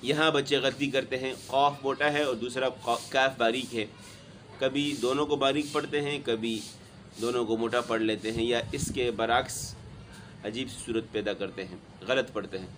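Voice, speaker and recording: A man teaching Quran recitation. He chants each verse slowly and melodically, then explains the pronunciation of the letters quickly in a lower, plainer speaking voice. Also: steady tone, fairly bright tone, a little hiss or hum. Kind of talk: tajweed lesson, recitation with explanation.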